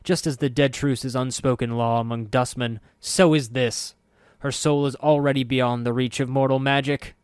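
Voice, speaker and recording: A man's voice: medium pitch, slow pace, hardly any pauses, darkish tone, clean tone, dry recording, clean studio sound. An actor playing a bitter, desperate man who talks in a strained, raised, emotional way. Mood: anguished.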